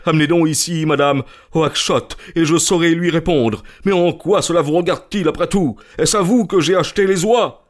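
Man doing a bellowing, hot-tempered market goose seller, voice pushed high and loud, storybook reading. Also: moderate pace, hardly any pauses, close to an everyday voice. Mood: furious. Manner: shouting, blustering. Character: furious loud-mouthed male goose merchant.

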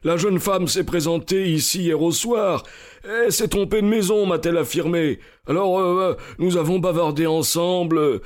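A man's voice: high voice, moderate pace, a little mellow, lightly acted. An actor playing a burly, sheepish male police constable who talks hesitantly and apologetically in a radio drama. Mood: apologetic. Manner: hesitant, apologetic, with filler sounds.

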